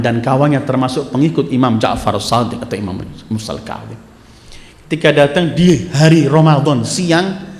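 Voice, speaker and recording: A male religious teacher giving a sermon and telling a story, acting out its dialogue and swinging between loud and hushed delivery. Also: a little high, roomy sound, big-room sound.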